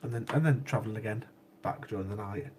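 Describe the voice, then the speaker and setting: Chatting casually with his live chat viewers, a man with a sniffly cold hosts a livestream, laughing easily and frequently repeating himself. His voice is fairly low and a little mellow, and he talks fast. There is slight background noise.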